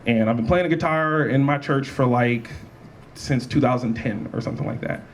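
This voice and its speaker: A young man speaking as a panelist at a convention, animated and laughing often, with lots of restarts. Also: mid-range voice, normal speed. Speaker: panelist, battle rapper. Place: college event room.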